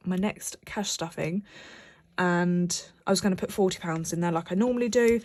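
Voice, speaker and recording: A young British budgeting vlogger, bunged up with a cold, chats to camera while stuffing cash envelopes. Her voice is lowish and darkish, recorded cleanly in a studio with no echo. She rambles chattily through her budget, with many fillers and restarts.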